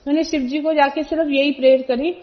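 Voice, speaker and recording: A high-pitched woman, telling her family's story at a religious gathering. She speaks earnestly and gives the people she quotes voices of their own. The recording sounds dull and lo-fi. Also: steady tone, brisk. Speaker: devotee giving a testimony. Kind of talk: personal testimony at a religious gathering.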